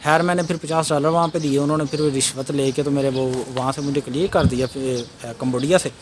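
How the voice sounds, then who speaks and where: A man's voice: medium pitch, fairly even intonation, a little fast. A young man from Pakistan, telling a travel story in a casual, rambling way full of fillers and restarts. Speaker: vlogger. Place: outdoors at a roadside border crossing. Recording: noisy outdoor ambience with birds and traffic.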